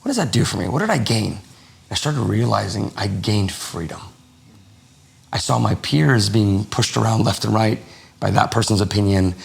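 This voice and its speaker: Man, low voice, heavy vocal fry, podcast guest, lively storytelling, acts out the voices in his anecdotes. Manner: animated, acts out quoted dialogue. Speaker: podcast guest, lifestyle coach. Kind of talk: casual interview storytelling.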